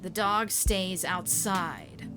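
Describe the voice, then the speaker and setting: Woman doing a husky smoker-voiced lady doctor. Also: on the low side, very slow, music in the background. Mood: curt. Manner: clipped, dismissive. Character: stern middle-aged woman doctor, curt and unwelcoming.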